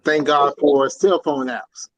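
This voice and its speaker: A man's voice: fairly high pitch, steady tone, takes it slowly, lo-fi sound. A man hosting a live-stream panel, talking through a cell phone and rambling with fillers. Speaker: podcast host.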